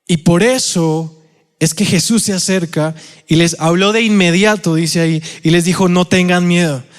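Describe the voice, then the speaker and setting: Colombian male pastor, higher-pitched, animated sermon storytelling, long church reverb. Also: normal speed. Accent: Colombian Spanish. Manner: animated storytelling, acting out quotes, asks the congregation questions. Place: church auditorium.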